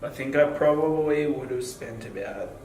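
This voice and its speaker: A young Australian man in his twenties has a mid-range, slightly mellow voice at a normal pace. As a guest in a casual interview, he rambles with plenty of fillers and swearing, recorded in an echoey, distant, noisy space.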